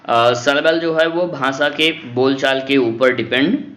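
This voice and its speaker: A man's voice: medium pitch, slow, a bit bright. A man explaining an English textbook lesson, reading the English lines and then explaining them at length in Hindi. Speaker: English teacher.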